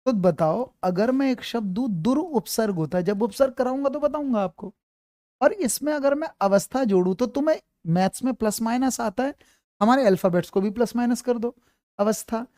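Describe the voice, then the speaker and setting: Speaking at a moderate pace, a man with a very high voice and dark tone teaches grammar in an online class. He repeats himself, often checks that students understand, and comforts them with "beta." The sound is studio quality with no room noise.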